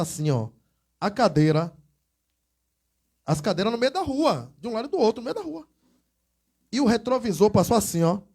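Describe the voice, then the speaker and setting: A man with a high, light voice preaches a casual sermon in church. He tells stories conversationally, drops into quoted voices and exclaims freely. His delivery feels like a talk among neighbors. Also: darkish tone, breathy edge. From Brazil. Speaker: evangelist preacher. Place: church hall.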